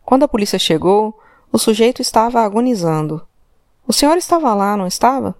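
A woman's voice: a little high, expressive, fairly quick, a little mellow, no room sound, clean studio sound. A woman voicing a male police commissioner who presses hard with insistent, repeated commands. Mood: pressing.

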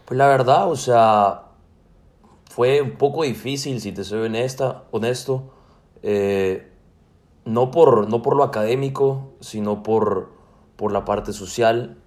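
A man's voice: mid-range voice, takes it slowly, a little mellow. A man in his twenties from El Salvador with a Salvadoran Spanish accent, answering interview questions casually and hesitantly, with many fillers and restarts. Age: 20s. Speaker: student guest.

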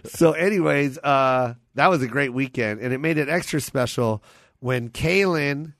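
A man with a hoarse voice hosting a casual podcast as a stand-up comedian, animated and repeating phrases for emphasis. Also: mid-range voice, a little slow, dry recording, clean studio sound. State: hoarse voice after many shows.

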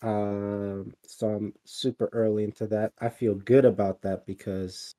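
A man's voice: on the low side, flat delivery, a little slow, warm tone. A man co-hosting a casual podcast chat, rambling with lots of fillers and restarts.

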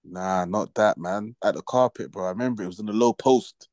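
Deep-voiced young London roadman, slangy. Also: fairly quick, a little mellow, no room sound. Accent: London, urban roadman slang. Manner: slangy, sweary. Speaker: football podcast co-host. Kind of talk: casual banter about football.

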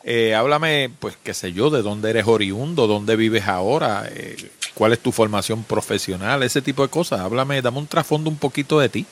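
A man's voice: mid-range voice, normal speed. A man hosting a tech podcast, talking in a chatty, conversational way and often using the same little filler phrases. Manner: chatty, animated, leans on the filler 'qué sé yo'. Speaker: podcast host. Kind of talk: conversational podcast intro and interview.

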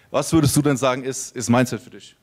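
A young man talks to a seminar audience on a microphone, loose and conversational, leaning on plenty of ums and uhs. His pitch sits in an ordinary middle register for a man, and he tells stories as though chatting with friends in the room. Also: darkish tone. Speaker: seminar speaker. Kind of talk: live seminar talk to an audience.

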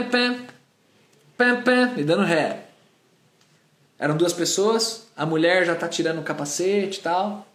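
A man's voice: a little high, fairly bright tone. A Brazilian man in his thirties preaching, telling a personal story with acted-out scenes and sound effects. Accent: Brazilian Portuguese. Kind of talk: storytelling sermon with a confession. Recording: roomy echo.

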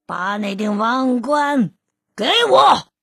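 A roaring storybook giant, huge and mean, bragging at the top of his lungs, as a woman puts him on. The voice is gravelly and raspy, drawn out very slowly. The sound is close and dry. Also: fairly high pitch, animated, dry recording, exaggerated voice. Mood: roaring boast. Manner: roaring, bragging, shouted threats. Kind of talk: storybook read-aloud.

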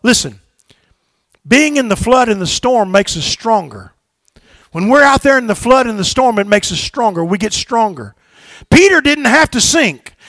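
A man preaching from a church pulpit, his very high voice rough with gravel. He shouts his exhortations and drops to low, quiet asides, and he calls on the congregation to say lines back with him. The sound is close and dry. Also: very animated, normal speed, no echo. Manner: call-and-response with the congregation. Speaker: pastor. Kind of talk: sermon. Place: church sanctuary.

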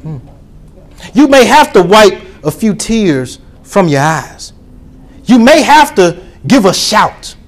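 A pastor preaching a sermon to his congregation, calling for responses and rising to shouts. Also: sits high, sing-song, slow pace.

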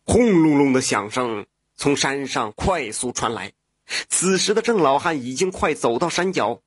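A man narrating a folk tale in a lively oral storytelling manner, with spoken fillers. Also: mid-range voice, a little slow, husky, no echo, clean studio sound.

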